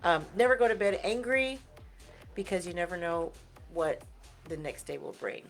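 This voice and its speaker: A woman's voice: on the low side, animated, normal speed, soft background music. Blunt playful woman. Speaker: co-host, nutrition shop owner. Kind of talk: casual live-stream chat.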